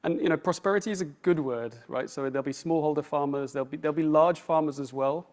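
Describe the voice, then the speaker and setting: Male panelist, slightly higher voice, rapid delivery, thinks aloud with "you know" and "right?". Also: darkish tone. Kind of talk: conference panel remarks.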